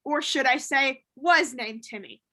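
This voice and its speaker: An angry, accusing mother who keeps getting emotional, improvised by a woman. Her voice sits high and bright and comes through a video call. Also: unhurried, rough recording. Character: angry grieving New Jersey mother, woman. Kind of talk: improvised comedy role-play.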